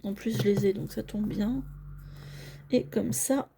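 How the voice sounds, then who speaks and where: A woman's voice: mid-range voice, steady tone, measured pace, vocal fry, dark tone, a little hiss or hum. A woman talking casually as she fills cash envelopes at home, narrating each small task and often apologizing to her viewers, sometimes dropping to a near-whisper. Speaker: budgeting vlogger. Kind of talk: casual talk while filling cash envelopes.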